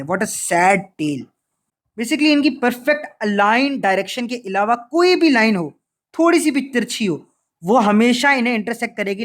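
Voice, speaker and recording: Playful man teaching a math lesson. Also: sits high. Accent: Urdu. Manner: playful, mixing English phrases into explanations. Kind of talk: recorded video lesson.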